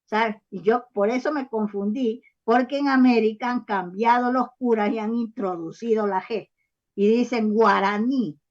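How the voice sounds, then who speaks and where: A woman's voice: fairly high pitch, normal speed, a little mellow. Rambling woman in dull lo-fi audio. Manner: rambling, often checks in with "¿sabes?" and "¿ah?"; frequent false starts and hesitations. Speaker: author interviewed as guest. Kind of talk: long explanatory interview answers. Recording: dull lo-fi recording.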